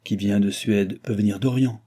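Man doing a disdainful mysterious stranger, audiobook, husky, low, defiant. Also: steady tone, moderate pace, dark tone. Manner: proud, defiant, commanding. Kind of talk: audiobook reading.

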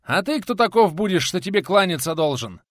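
A man voicing an older retired teacher, a blunt, hot-tempered man who shouts back at challenges in a lively, animated voice. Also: a little high, moderate pace, no echo, studio quality, pitched above the performer's own voice. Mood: defiant shouting.

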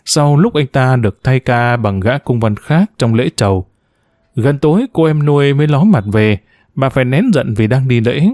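A man narrating a novel in a steady storytelling manner. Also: medium pitch, no room sound, studio quality. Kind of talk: audiobook novel reading.

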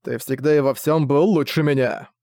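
A man's voice: fairly high pitch, steady tone, normal speed, gravelly, mellow, no echo. A man voicing a determined young prince who speaks in an earnest, resolute way. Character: determined young prince fighting his brother.

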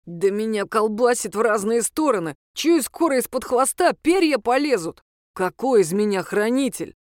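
A woman's voice: fairly high pitch, expressive, slow, dry recording, studio quality, voice pushed up. Woman doing a whiny indignant imp. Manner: aggrieved, complaining. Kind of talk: audiobook character voice.

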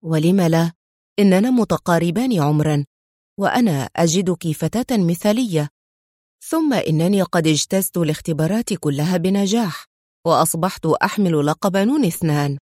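A woman voicing a calm, self-assured young man who speaks with teasing confidence in an audiobook. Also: fairly low pitch, fairly quick, dry recording, clean studio sound, pitched below the performer's own voice, lightly acted. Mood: amused. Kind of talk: audiobook character reading.

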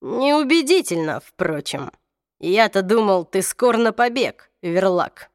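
Woman doing a young man, low hushed voice, clipped and cold, dry close reading. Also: lively intonation, takes it slowly, no echo. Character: young man, stunned, then cold and sharp.

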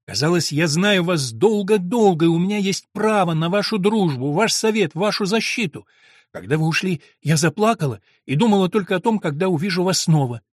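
A man voicing an innocent, trusting young girl in an audiobook, speaking softly and earnestly in a raised voice. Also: high voice, animated, brisk, no echo, studio quality. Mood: tender, earnest. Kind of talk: audiobook reading.

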